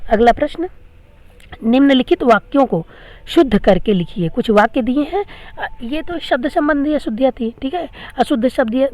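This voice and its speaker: A woman with a fairly high voice teaches a school grammar lesson. She works through each exercise step by step, repeating every question before she answers it. The sound is dry and close, with no room echo. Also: darkish tone.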